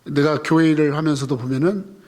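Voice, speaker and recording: Man, pastor, sermon, conversational with rhetorical questions, raised pitch, long church reverb. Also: fairly even intonation, fairly quick, a little mellow. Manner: leads the congregation in reading scripture aloud. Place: church sanctuary.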